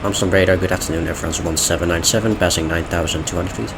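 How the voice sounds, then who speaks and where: A man's voice: low-pitched, fairly even intonation, fast, background noise. Man making pilot radio calls. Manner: clipped, procedural readbacks. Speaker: flight simulator pilot.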